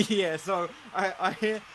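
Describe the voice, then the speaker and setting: A man's voice: high voice, steady tone, slow, slight background noise. A man playing a tabletop game, describing his character's actions with frequent laughter and stammered restarts. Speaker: player.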